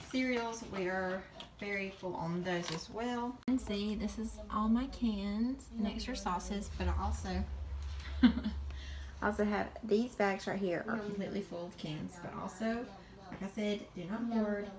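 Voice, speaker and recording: A woman's voice: mid-range voice, a little slow, a crowd in the background. A young woman from the South, chatting casually through a grocery haul vlog with plenty of ums. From American South. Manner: chatty, advice-giving, many ums. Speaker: vlogger. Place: home kitchen, indoors.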